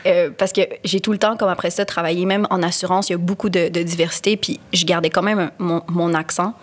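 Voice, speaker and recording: A woman's voice: on the low side, fairly even intonation, brisk. A woman with a Quebec French accent, co-hosting a casual podcast chat, telling stories with voiced quotes, laughs and English words. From Canada. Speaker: podcast co-host.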